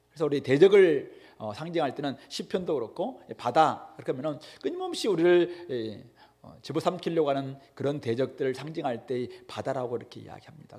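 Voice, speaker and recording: Lively male pastor preaching. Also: mid-range voice. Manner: conversational preaching with many "어" fillers and rhetorical questions. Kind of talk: sermon.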